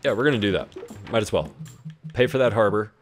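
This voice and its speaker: Low-voiced laid-back gaming man. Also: expressive, fast, soft background music. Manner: laid-back, talks to himself while playing. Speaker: gaming YouTuber. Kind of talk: casual gameplay commentary.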